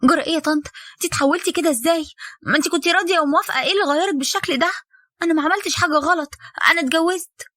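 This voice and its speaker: A woman's voice: very high-pitched, rapid-fire, a bit bright, dry recording, clean studio sound, pitched above the performer's own voice. A woman voicing a frightened, tearful young wife pleading with her elders, in Egyptian Arabic.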